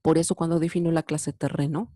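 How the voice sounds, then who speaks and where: A woman's voice: low voice, little pitch movement, fairly quick, warm tone, no echo, clean studio sound. A woman with a Mexican Spanish accent teaching a programming lesson, explaining code patiently step by step and often checking in with a questioning "sí". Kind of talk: recorded lecture explaining code.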